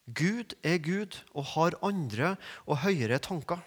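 A male preacher delivers a sermon in a fairly high voice, building from calm reflection to emphatic, rising peaks. His words ring out with the long reverb of a large church hall. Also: slightly rough.

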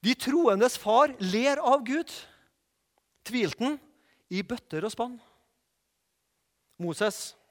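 A man preaching a sermon, telling the stories in a lively way with asides and questions to the listeners. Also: extremely high pitch, pauses often, in a large hall.

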